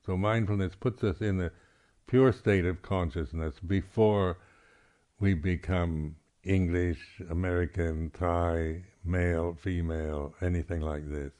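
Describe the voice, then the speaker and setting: With a deep, steady voice and a somewhat dark tone, a male Buddhist monk teacher reflects aloud at a meditation retreat. The talk is unscripted, and he speaks haltingly with frequent throat-clearing.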